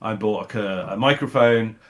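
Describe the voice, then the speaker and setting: A middle-aged man with a lowish voice talks casually in an interview. He rambles, fills gaps with "uh" and restarts his sentences. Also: unhurried. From Scotland. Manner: rambling, many fillers and restarts. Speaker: voice actor guest.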